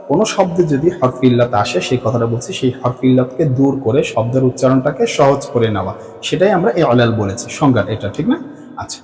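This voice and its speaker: A man's voice: medium pitch, darkish tone, long reverb tail, rough recording. A Bengali-speaking man teaching an Arabic grammar class. He asks questions and then answers them himself.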